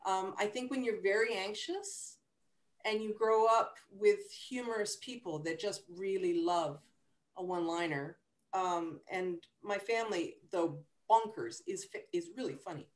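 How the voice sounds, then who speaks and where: Animated woman telling dark-humored stories. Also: mid-range voice, measured pace, roomy sound. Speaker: author at a book launch. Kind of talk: casual interview chat. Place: virtual event from home. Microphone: video call.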